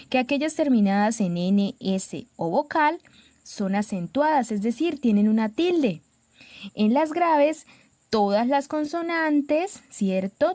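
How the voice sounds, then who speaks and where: Woman, teacher, methodical step-by-step grammar lesson, tag questions, mellow voice, dry close sound. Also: a little high, no room sound. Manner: methodical, lays out numbered steps and checks in with tag questions. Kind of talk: classroom grammar explanation.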